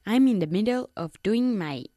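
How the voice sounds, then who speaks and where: Slow, careful woman learner. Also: mid-range voice, expressive, dark tone, dry recording, clean studio sound. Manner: short, careful answers. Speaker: English learner. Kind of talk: answering translation drill.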